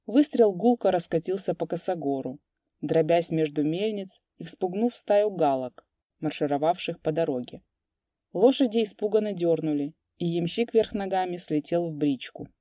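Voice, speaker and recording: Low-toned woman narrating an audiobook. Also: expressive, moderate pace, dark tone, no room sound, studio quality.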